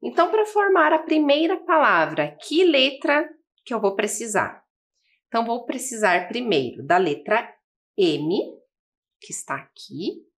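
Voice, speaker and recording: A Brazilian woman teaching a lesson for children, spelling and counting out letters slowly and asking the viewers questions. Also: fairly high pitch, big pitch swings, a bit bright. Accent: Brazilian Portuguese. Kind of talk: slow, patient classroom lesson for children. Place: classroom-style studio with a table.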